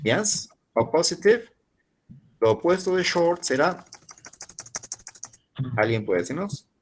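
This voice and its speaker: His pitch leans high and swings widely as this man in his forties, a university professor from Peru, teaches English online in Spanish. He repeats model phrases slowly for the learners.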